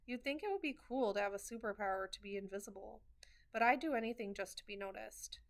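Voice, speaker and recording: A woman's voice: medium pitch, fast. A woman reading a first-person novel chapter aloud, in an earnest way with wry asides and small restarts. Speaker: reader of a novel.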